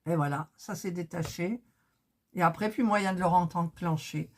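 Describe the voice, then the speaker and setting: A woman's voice: fairly low pitch, moderate pace. A woman talking her way through a crafting project in a casual vlog, thinking aloud and getting flustered when it goes wrong. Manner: chatty, thinking aloud, gets flustered and exasperated. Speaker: craft vlogger.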